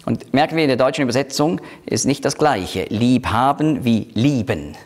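A man leading a Bible study, explaining scripture slowly and quoting verses aloud. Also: lively intonation. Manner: slow, explanatory, quotes scripture in a lowered voice; switches between teaching and group discussion. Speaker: Bible teacher.

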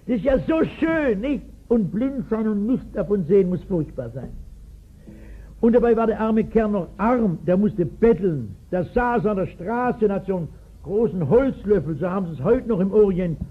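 A man's voice: high voice, animated, normal speed, slightly rough. A man in his sixties, a pastor telling a Bible story in a sermon, emphatic and often asking his listeners questions, on a tinny 1960s recording. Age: 60s. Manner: storytelling, emphatic, asks the audience.

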